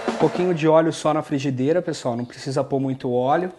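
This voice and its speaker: A man's voice: on the high side, fast talker, over loud music. A man in his thirties with an interior São Paulo Brazilian accent, casually walking viewers through a recipe in a home kitchen. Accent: Brazilian Portuguese, São Paulo interior. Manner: relaxed, chatty, keeps addressing viewers. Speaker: cooking show host. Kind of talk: casual cooking demonstration. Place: home kitchen and outdoor street market.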